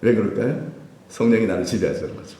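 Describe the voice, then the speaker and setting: A man's voice: lowish voice, fast talker, reverberant. A male pastor preaching a Sunday sermon, asking the congregation questions and answering them himself. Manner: animated preaching with call-and-response questions to the congregation. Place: church sanctuary.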